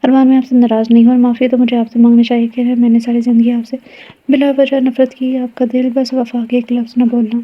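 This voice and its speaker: A gentle, anxious young wife, softly pleading, in a slightly high and very flat voice as a woman narrator reads her part. The sound is muffled and lo-fi. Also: close to an everyday voice. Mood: earnest. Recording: dull lo-fi recording.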